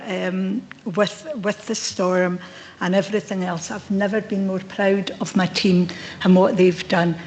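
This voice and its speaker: A woman's voice: mid-range voice, a little hiss or hum, poor audio. A middle-aged Scottish woman, an outgoing chief officer, giving a heartfelt, reflective farewell speech to a board in a council chamber.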